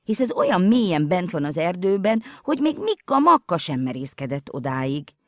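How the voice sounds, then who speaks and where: A woman's voice: on the low side, very animated, no echo, clean studio sound. A woman voicing a puzzled old male goatherd in a storybook reading.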